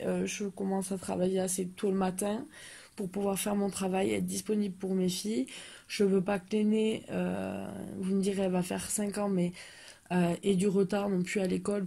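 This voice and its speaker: A woman's voice: on the low side, vocal fry, dark tone, slightly rough. A woman in her thirties chatting casually through a tarot deck review, hesitant and full of fillers.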